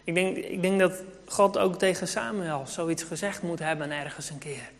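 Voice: mid-range voice, steady tone, normal speed, big-room sound. A preacher giving a sermon and telling a Bible story, turning now and then to speak to the children in the congregation.

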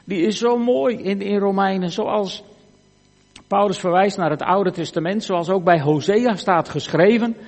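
A man preaching a sermon in a church, earnest, moving between emphatic lines and hushed, quiet ones. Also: sits high, a little slow. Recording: church hall reverb.

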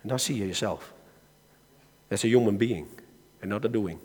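In a reverberant church hall, a man with a Dutch accent preaches a sermon, moving between soft asides and loud calls to his listeners. His voice is lowish and husky, and he speaks at a moderate pace.

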